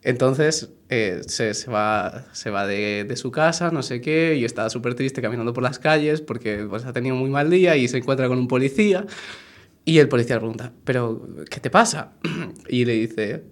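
A man's voice: mid-range voice, normal speed. A man from Spain chatting casually, laughing as he tells a long joke to a co-host. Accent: Spain Spanish. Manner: playful, laughing storyteller. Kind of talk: casual chat, telling a joke.

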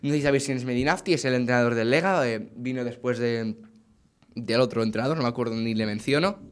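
A man's voice: mid-range voice, fast, smooth. A man with an accent from Spain, presenting football news in a casual, jokey chat with friends. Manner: animated, jokey news delivery.

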